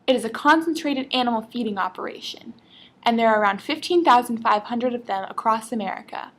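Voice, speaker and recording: A woman with a fairly high voice presents a scripted infomercial. She reads her lines aloud earnestly, as a presenter informing viewers. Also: a little fast.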